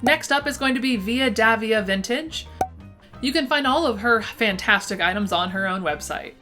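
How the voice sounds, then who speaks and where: Speaking at normal speed in a slightly high, animated, bright and forceful voice, a woman enthusiastically presents a scripted vintage shop roundup list to camera. Her lisp renders her s slushy, and background music plays.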